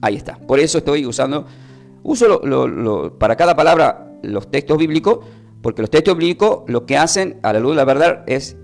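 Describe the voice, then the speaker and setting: Argentine-man preaching over soft music. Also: a little high, lively intonation, vocal fry. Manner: teaching, spelling words out and repeating them slowly. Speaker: Bible teacher. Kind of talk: sermon.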